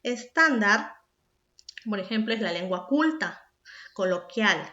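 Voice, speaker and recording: A woman's voice: mid-range voice, animated, slow pace, bright, forceful tone. A woman from Peru, a secondary school teacher explaining a recorded class and speaking directly to the student with questions. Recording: echoey room, dull lo-fi sound.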